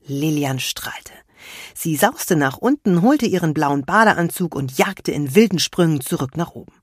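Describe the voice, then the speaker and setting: A woman with a low, slightly husky voice reads a children's story aloud with lively expression. The sound is close and dry. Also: measured pace, dry recording.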